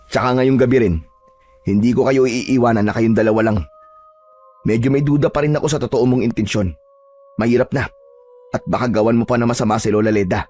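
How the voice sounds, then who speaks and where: A man tells a first-person horror tale, his voice somewhat husky and breathy. He speaks bluntly and warily, with a tough streetwise edge, while faint music runs underneath. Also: mid-range voice, a little mellow. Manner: blunt, tough-talking, wary, with short laughs. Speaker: storyteller narrating in first person. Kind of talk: first-person horror story narration with dialogue.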